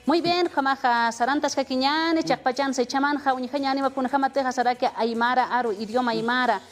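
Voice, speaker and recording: A woman's voice: high-pitched, fairly even intonation, a little fast, faint music behind. A woman from Bolivia teaching an Aymara language lesson on television. She explains patiently and often ends phrases with a questioning tag. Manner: explanatory, many "¿no?" tags, mixes Spanish and Aymara.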